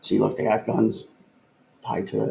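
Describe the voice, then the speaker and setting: A man's voice: fairly low pitch, level tone, normal speed, creaky, mellow. A man in his fifties co-hosting a podcast, chatting casually, rambling and joking with lots of fillers. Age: 50s. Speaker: podcast co-host. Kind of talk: casual chat. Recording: roomy echo, faint ambient noise.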